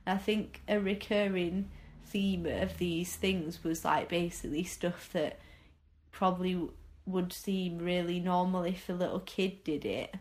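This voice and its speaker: A woman's voice: lowish voice, steady tone, a little slow, darkish tone. A young woman in casual podcast chat, rambling and amused, with plenty of fillers. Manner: chatty, rambling, self-amused, lots of fillers. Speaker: podcast co-host.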